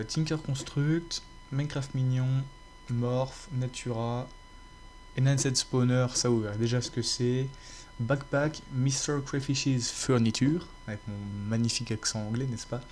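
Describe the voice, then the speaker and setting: Homme au débit hésitant, faint hum. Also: male voice, medium pitch, fairly even intonation, a little slow, a little mellow. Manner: rambling, many fillers and restarts. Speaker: gaming YouTuber. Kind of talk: casual chat to viewers.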